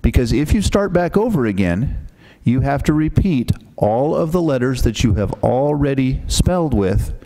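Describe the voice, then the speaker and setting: A man's voice: medium pitch, warm tone. A man acting as pronouncer who patiently explains the rules to young spellers before a spelling bee, speaking into a microphone and often checking in with "okay?".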